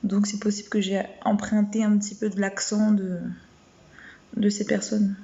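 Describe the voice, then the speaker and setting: A woman chatting casually on a late-night live stream from home, with a soft, warm voice and a hesitant way of talking, full of fillers and restarts. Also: mid-range voice, little pitch movement, normal speed, muffled recording. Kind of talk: casual live-stream chat and Bible reading.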